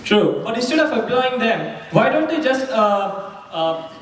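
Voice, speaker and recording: A woman acting an earnest, slightly halting commentator in a scripted stage skit. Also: on the high side, big pitch swings, slight background noise. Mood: concerned. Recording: echoey hall from far off.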